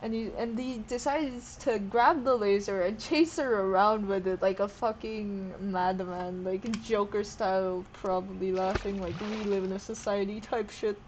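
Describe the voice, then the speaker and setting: A sleep-deprived woman vlogs in a loose, wandering style, swearing frequently and switching subjects on a whim. Her medium-pitched voice holds a steady tone at a measured pace with few pauses, over a hissy background.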